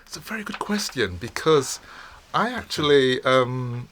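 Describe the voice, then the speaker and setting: A middle-aged man, a podcast guest telling his story in a studio with many pauses, fillers and repeated words. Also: medium pitch, very animated, a bit bright. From England. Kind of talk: casual interview storytelling.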